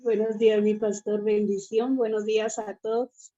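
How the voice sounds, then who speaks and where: A woman's voice: medium pitch, level tone, normal speed, warm tone, lo-fi sound. A woman from the congregation giving a casual testimony, chatty and laughing between thoughts. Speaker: congregation member. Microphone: online meeting.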